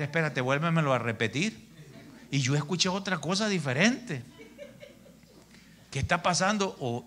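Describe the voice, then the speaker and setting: A middle-aged pastor preaching to his church in an animated, storytelling way, often turning to the congregation as brother. His voice sits somewhat high for a man and rings bright and forceful. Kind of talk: preaching a sermon.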